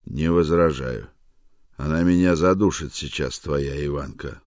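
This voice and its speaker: A man's voice: rumbling low, unhurried, a little mellow, dry recording, studio quality. A man reading an audiobook aloud, voicing a harried husband who grumbles and snipes sarcastically back at his family. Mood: grumbling. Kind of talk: audiobook character voice.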